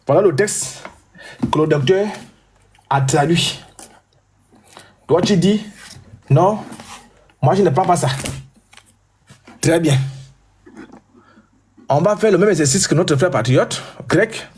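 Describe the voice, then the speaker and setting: A man hosting a heated live debate, talking loudly and insistently and repeating himself. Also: a little high, takes it slowly, pauses often, a little hiss or hum.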